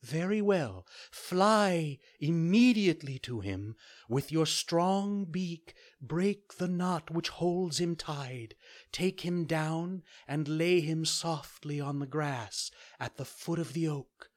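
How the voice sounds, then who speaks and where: A man voicing a kind, ancient fairy woman who gives gentle commands. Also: fairly high pitch, slow pace, voice pushed up.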